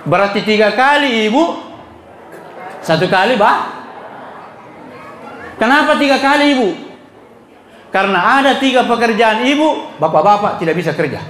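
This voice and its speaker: A man's voice: high voice, lively intonation, normal speed, long pauses, fairly bright tone, a faint crowd. A middle-aged man with a South Sulawesi Indonesian accent, preaching at a religious gathering in a joking, storytelling way and putting questions to the audience. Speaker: Islamic preacher. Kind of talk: humorous sermon with anecdotes. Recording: echoey hall with audience murmur.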